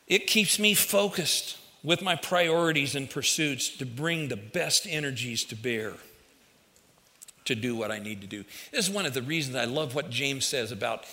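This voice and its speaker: In a large hall with long reverberation, a man with a mid-range, bright, pushed voice preaches a folksy, conversational sermon to his congregation. He speaks directly to his listeners, and a dental retainer slightly affects his speech.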